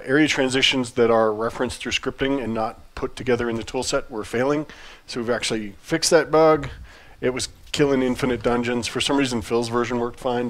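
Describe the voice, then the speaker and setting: A man co-hosting a casual livestream as a game studio head, relaxed and chatty, with dry teasing humor and lots of restarts and fillers. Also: medium pitch.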